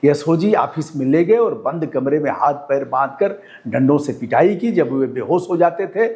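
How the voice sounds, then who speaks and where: Indignant, fairly high-voiced male commentator. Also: lively intonation, moderate pace, a little mellow. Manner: indignant, scolds the police directly. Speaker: news commentator. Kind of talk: reading a report with fiery personal commentary.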